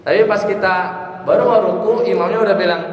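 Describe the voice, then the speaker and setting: A man's voice: high-pitched, fairly even intonation, a little fast. A male religious teacher giving a study lecture, explaining patiently and chanting verses as examples. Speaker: ustadz teaching Islamic law. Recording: echoey hall, long reverb.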